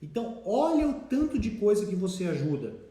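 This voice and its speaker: A Brazilian man giving a casual, animated talk as a debt collection trainer, acting out debtors now and then. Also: high voice, a little fast. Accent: Brazilian Portuguese. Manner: animated, acts out debtor's voices. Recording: very echoey room.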